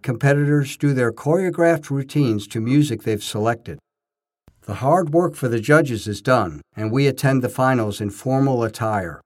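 A bodybuilding judge reads scripted first-person narration about his own experiences. His voice is medium-pitched and a little mellow.

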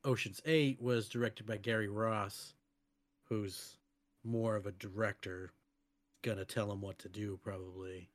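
A man co-hosting a casual movie podcast, making a measured comparison between films. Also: fairly low pitch, fairly even intonation. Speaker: podcast co-host. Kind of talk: casual movie review chat.

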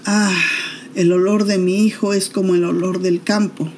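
An aged, grave father from a storybook Bible tale, put on by a woman narrator. Mellow and unhurried, with a solemn, measured way of speaking. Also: mid-range voice, level tone, a little hiss or hum, lightly acted. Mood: gentle.

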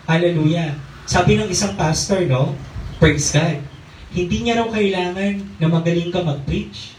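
Pastor guy preaching, somewhat high voice, lots of hallelujah and amen, sounds far off. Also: a little slow, darkish tone, a little hiss or hum. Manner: call-and-response, frequent hallelujahs and amens. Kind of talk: sermon. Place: church hall. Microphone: handheld mic. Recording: echoey church recorded from far off.

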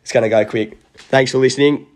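A young Australian man chats as a podcast host in a blokey, laid-back way. His voice sits at a medium pitch and his talk is slangy, casual banter. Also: steady tone, brisk, a little mellow. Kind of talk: casual chat. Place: at home, phone on a table. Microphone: phone lying on table.

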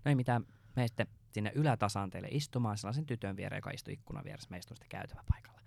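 A man's voice: lowish voice, creaky, a little mellow, no echo. A man co-hosting a podcast, telling a story in a rambling, casual way with lots of fillers and swearing. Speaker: podcast co-host.

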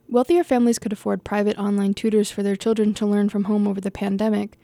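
A woman's voice: mid-range voice, flat delivery, a little fast, gravelly, dark tone, no room sound. A young woman reading her own essay aloud, casual and self-correcting, laughing off her own slips and restarting lines. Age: young adult.

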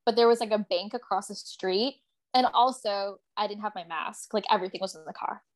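A woman's voice: medium pitch, brisk. A young woman co-hosting a podcast, telling a story in casual chat with lots of filler words. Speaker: podcast co-host.

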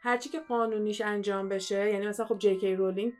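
A young woman co-hosting a casual podcast, talking quickly with lots of fillers and restarts. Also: mid-range voice, fairly even intonation, darkish tone. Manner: chatty, fast, many fillers and restarts. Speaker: podcast co-host.

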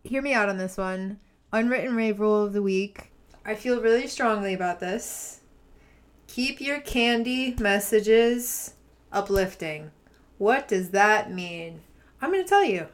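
A woman co-hosting a podcast, talking in an earnest, emphatic way and laughing easily. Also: mid-range voice. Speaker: podcast co-host. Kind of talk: casual chat.

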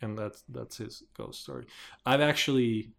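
A man's voice: mid-range voice, normal speed, gravelly, fairly bright tone. A man co-hosting a podcast, talking casually in a rambling, hesitant way with lots of fillers and restarts. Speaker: podcast co-host. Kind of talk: casual chat.

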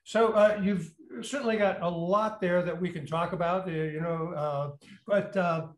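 A man's voice: sits high, steady tone, normal speed. A man hosting an interview, with many filler uhs and repeated words as he asks questions. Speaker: interviewer, university executive in residence. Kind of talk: hosted interview. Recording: roomy echo.

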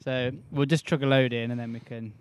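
Relaxed man reading out questions. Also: mid-range voice, brisk, smooth, no room sound. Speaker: podcast co-host asking questions. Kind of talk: casual chat.

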